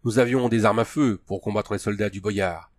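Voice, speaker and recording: A man's voice: fairly low pitch, moderate pace, lightly acted. A man reading the lines of a principled male army colonel in an audiobook, with firm, earnest delivery. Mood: urgent.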